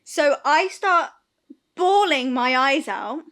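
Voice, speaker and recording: A young woman chats casually on a podcast, her voice high and ringing with brightness. She tells stories with lots of animation, acting out the scenes as she goes. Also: expressive, slow. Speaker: podcast co-host. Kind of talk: casual chat.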